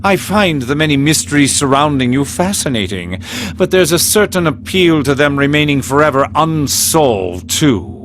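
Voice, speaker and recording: A high, swooping male voice for a flamboyant phantom thief in a video game. He is grandiose and playfully smug, savoring florid phrases. Faint noise sits behind him. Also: big pitch swings, moderate pace. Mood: playful, musing.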